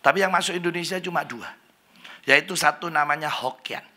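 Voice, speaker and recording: A man's voice: a little high, fairly quick, bright, forceful tone. A middle-aged man preaching a humorous sermon in a church, chatty and joking. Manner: chatty, joking, slips into Javanese, mimics Chinese greetings. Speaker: pastor. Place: church hall.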